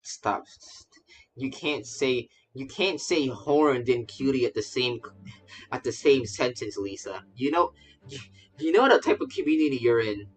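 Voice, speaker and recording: This game streamer and VTuber speaks in a medium pitch with lively intonation, never hurrying. His livestream chatter is casual and rambling, full of stammers and repeated phrases, over faint game music.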